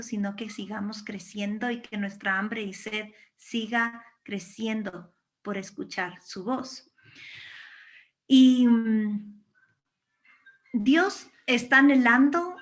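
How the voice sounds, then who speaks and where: Bright-voiced woman preaching lively. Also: on the high side. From Guatemala. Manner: lively, acts out quoted voices, frequent "¿no es cierto?". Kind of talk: sermon.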